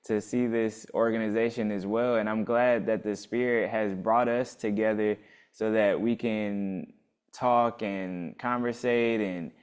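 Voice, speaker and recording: A man's voice: fairly low pitch, fairly even intonation, a little slow, darkish tone, clean tone. Laid-back enthusiastic male host. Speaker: interview host. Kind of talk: casual interview.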